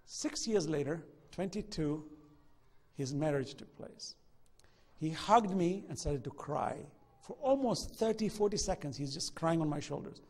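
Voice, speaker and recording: Animated man telling a lesson story. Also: a little high, unhurried. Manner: animated storyteller acting out quoted dialogue. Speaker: religious teacher. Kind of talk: lecture with anecdotes.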